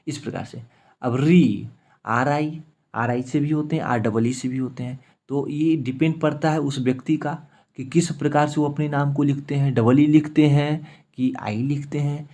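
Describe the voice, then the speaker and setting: A man with a slightly high, darkish voice teaches an English spelling lesson, going step by step and spelling names out letter by letter. He checks in with his students often, repeating "ठीक है" and "मेरे साथियों".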